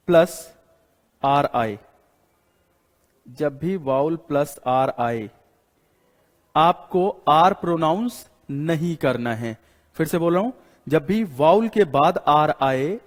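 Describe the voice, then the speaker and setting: A man with an Indian accent teaching an English lesson, repeating rules and quizzing students as he writes on the board. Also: on the high side. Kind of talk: classroom lecture in Hindi. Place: classroom with a board. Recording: long hall reverb.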